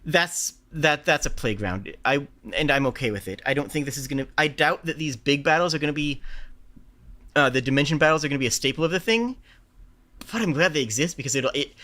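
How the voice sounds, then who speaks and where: Bright, higher-voiced man giving animated game commentary. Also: moderate pace. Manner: emphatic, explanatory, rhetorical questions and self-quoting. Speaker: streamer reacting to game announcements. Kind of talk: live reaction commentary, analytical.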